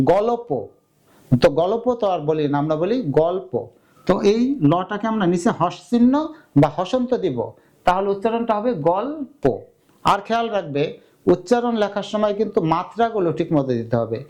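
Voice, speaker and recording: A young male teacher gives a step-by-step grammar lesson for exam preparation. His voice sits high for a man yet sounds warm and mellow. He keeps asking his students questions and answering them himself. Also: lively intonation, fairly quick.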